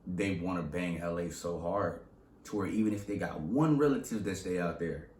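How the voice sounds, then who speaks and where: In an echoey room with slight background noise, a deep-voiced young man from Southern California chats as a rapper guest in a casual interview. He tells stories in an animated, slangy way, laughing along, at normal speed.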